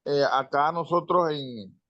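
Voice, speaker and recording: A man from Venezuela giving an earnest, measured comment in an online panel, pausing with fillers. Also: on the high side, no echo. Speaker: audience member asking. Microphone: video call. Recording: dull lo-fi video call audio.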